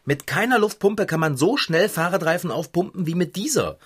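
A hot-tempered bicycle mechanic in a children's audio drama. The voice sits low and husky, and its pitch moves a lot. The mechanic grumbles and gets riled up quickly. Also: female voice, lively intonation. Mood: indignant. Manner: indignant, easily riled, complaining.

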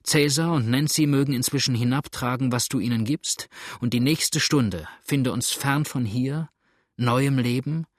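Desperate fleeing judge, pleading and trembling, husky dry voice, read by a man. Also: mid-range voice, measured pace, no echo, close to an everyday voice. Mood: urgent.

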